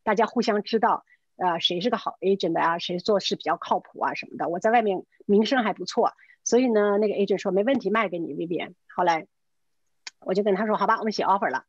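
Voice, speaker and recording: A woman's voice: medium pitch, fast, slightly rough, no echo, lo-fi sound. A middle-aged woman, a real estate agent, casually telling a story and acting out the dialogue, mixing in English words. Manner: lively, acts out quoted dialogue; mixes English words into her speech. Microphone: video call.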